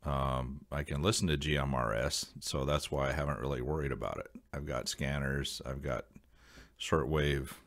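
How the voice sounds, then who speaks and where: With fairly even intonation and a fairly bright tone over a very deep, low pitch, a man hosts a casual explainer vlog and speaks directly to his viewers. He rambles and pauses, working out his points while talking.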